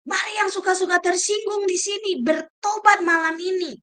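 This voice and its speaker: A middle-aged woman preaches with a high, bright voice. Her delivery is emphatic and lively, and she breaks into acted-out quotes. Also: moderate pace. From Indonesia. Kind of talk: sermon.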